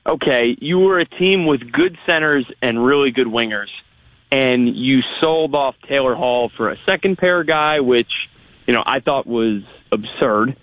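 A man's voice: medium pitch, a little slow, dry recording. Male hockey analyst on a phone line. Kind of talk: conversational sports analysis. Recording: band-limited phone line on radio.

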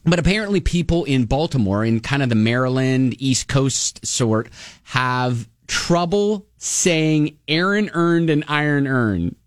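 A man's voice: medium pitch, a little slow, no room sound. Guy cohosting a radio talk bit, laughs a lot, dry mic. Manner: giggly, animated storytelling. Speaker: radio show co-host. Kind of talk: casual chat.

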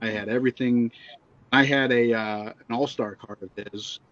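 Male panelist on glitchy, cutting-out call, muffled lo-fi sound, mid-pitched voice. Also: fairly even intonation, normal speed, a bit bright. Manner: rambling anecdote with restarts. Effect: glitching audio that keeps cutting out. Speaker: podcast panelist. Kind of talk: casual sports chat. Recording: dull lo-fi remote call audio.

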